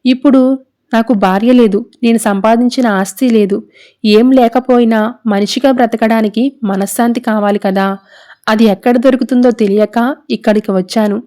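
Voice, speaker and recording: A woman reading the part of a heartbroken middle-aged father who pleads earnestly and sorrowfully. The voice sits fairly high and mellow, with a soft, warm tone. It is read as serial recap narration. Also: fairly even intonation, normal speed, close to an everyday voice.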